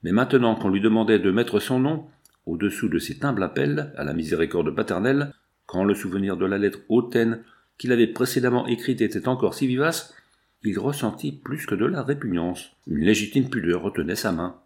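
A man narrating an adventure novel as an audiobook in a steady, measured, dramatic manner. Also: on the low side. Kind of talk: scripted narration.

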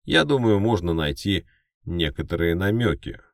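A man puts on an uneasy half-elf newsreader for a fantasy audiobook. The pitch is lifted well above the narration, the phrasing formal and insistent, the sound dry. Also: big pitch swings, normal speed, dry recording, far from the mic. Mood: formal, concerned. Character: anxious male half-elf television news presenter.

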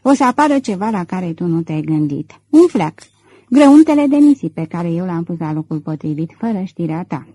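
Woman voicing a suave gentleman thief. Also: lowish voice, sing-song, husky, no room sound, poor audio. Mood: gently warning. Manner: self-assured, cool and controlled. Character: suave middle-aged male gentleman thief. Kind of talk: audiobook character reading.

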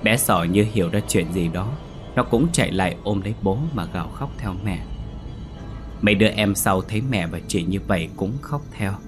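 A man narrating a scripted ghost story in a steady, solemn reading. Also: deep voice.

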